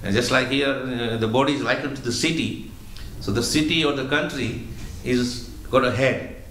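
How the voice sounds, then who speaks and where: Measured male spiritual lecturer, echoey room. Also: mid-range voice, fairly bright tone, a little hiss or hum. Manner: measured, explanatory, repeats words. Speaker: spiritual teacher. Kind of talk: religious lecture.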